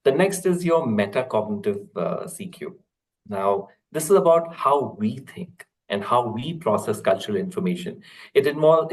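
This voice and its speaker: A man, a corporate trainer explaining a lesson in a webinar, steady and explanatory with frequent fillers and restarts. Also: mid-range voice, rough recording.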